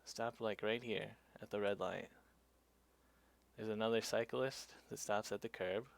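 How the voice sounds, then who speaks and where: A man narrates his own cycling video in loose, casual storytelling with plenty of fillers. His voice sits fairly low and has a gravelly, fry-tinged texture. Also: fairly even intonation, measured pace. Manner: loose, conversational, many fillers. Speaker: cyclist vlogger.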